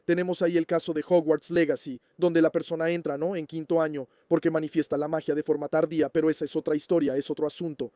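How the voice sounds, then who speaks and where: A man's voice: a little high, level tone, fast talker, few pauses, mellow, no echo. A man hosting a fan channel, casually answering viewer questions and checking in with the listener as he explains. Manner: chatty, keeps checking in with the listener.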